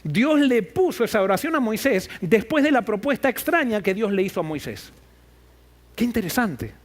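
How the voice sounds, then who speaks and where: A man's voice: high voice, sing-song, normal speed. A man preaching a sermon as pastor, firing off rhetorical questions and acting out the voices he quotes. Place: church.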